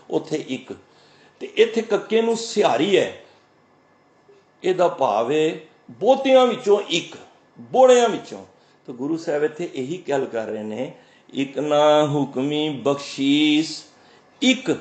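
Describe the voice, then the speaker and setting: A man giving a sermon, his voice fairly high for a man. He draws out the verses he quotes, then explains them plainly. The room around him is echoey. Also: a little mellow. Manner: explains verses slowly, chants quoted lines, asks and answers his own questions. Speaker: Sikh preacher. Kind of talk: scripture exposition.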